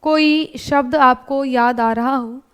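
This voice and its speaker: A woman's voice: high-pitched, steady tone, slow pace, clear, resonant tone. A woman with a North Indian Hindi accent teaching an exam-prep grammar lesson step by step, asking rhetorical questions and often checking in with her students. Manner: often adds checking tags like "thik hai" and "hai na".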